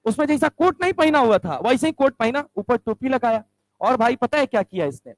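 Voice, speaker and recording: Animated male chemistry teacher, high voice, dry sound, checks in with the class constantly. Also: fairly quick, no echo, poor audio. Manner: animated, keeps asking the class if they understand. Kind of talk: storytelling chemistry lecture.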